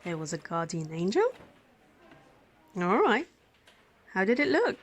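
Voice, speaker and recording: A voice performer plays a caring emergency physician smitten with the crash patient she's tending, in an intimate one-sided ASMR roleplay. Shy and affectionate, she is tender, soothing and flustered, slipping into breathy whispers. Her mid-range voice is very animated and unhurried.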